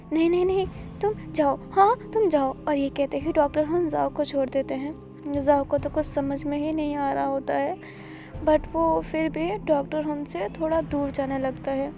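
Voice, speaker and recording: A woman narrating fan fiction in a casual, chatty way, mixing in English words. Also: high-pitched.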